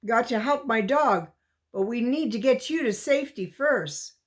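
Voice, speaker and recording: A woman's voice: on the high side, animated, moderate pace, natural voice. A woman voicing a determined young mountain boy in a storybook reading, urgent and commanding.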